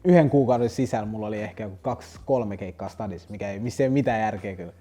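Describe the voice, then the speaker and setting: Young male rapper, rambling anecdotes, dark mellow voice, faint music bed. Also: fairly low pitch. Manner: loose, rambling slang-heavy telling with restarts. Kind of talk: casual storytelling interview.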